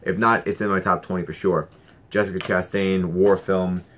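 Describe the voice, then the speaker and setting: A man's voice: low voice, steady tone, normal speed, a bit bright. Chatty man showing off his disc haul. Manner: enthusiastic, rambling, lots of fillers and restarts. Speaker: Blu-ray collector vlogger. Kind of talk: casual collection haul vlog.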